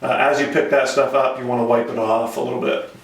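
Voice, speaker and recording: A man teaching painting step by step in a gentle, informal, encouraging way. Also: medium pitch, little pitch movement, fast talker. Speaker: painting instructor. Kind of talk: casual step-by-step painting tutorial. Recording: echoey room, distant microphone.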